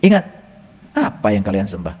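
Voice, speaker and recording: A man's voice: on the low side, huge pitch swings, normal speed, warm tone, slightly rough, long reverb tail. A man with a Sundanese accent preaching a sermon, often quizzing his listeners and slipping into Sundanese asides. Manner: asks the audience questions often, teasing.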